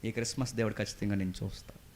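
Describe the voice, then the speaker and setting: A male pastor preaching a sermon, firing rhetorical questions at the congregation and swinging between shouted lines and low warnings. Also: steady tone, rapid-fire.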